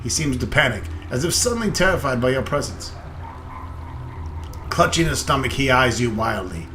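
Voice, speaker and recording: Animated man narrating a game playthrough. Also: medium pitch, moderate pace, a little hiss or hum. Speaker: let's play host. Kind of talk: dramatic read-aloud game narration with casual commentary.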